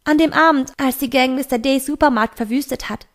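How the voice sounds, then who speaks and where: A desperate teenage girl pleads in a raised, urgent voice, as a woman reading a storybook aloud puts her on. The voice sits fairly high and insistent, begging to be heard. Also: fairly quick, a bit bright. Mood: pleading, urgent.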